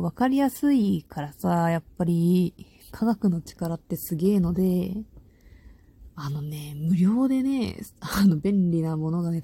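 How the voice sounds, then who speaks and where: A young woman with a Kansai accent chatting casually on her own, rambling and slangy, laughing often, with what she calls a big loud voice. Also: lowish voice, husky, no room sound. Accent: Kansai Japanese. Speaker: podcast host. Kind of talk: casual solo chat.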